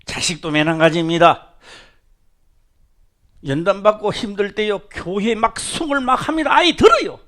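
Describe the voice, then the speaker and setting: A middle-aged male pastor with a Gyeongsang Korean accent preaching a sermon, moving between loud exclamations and low, hushed asides. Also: animated, moderate pace, long pauses.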